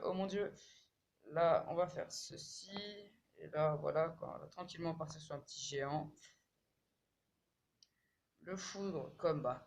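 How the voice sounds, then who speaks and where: A man commentating his own mobile game match in casual French slang, swearing and repeating words when excited. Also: on the high side, slight background noise.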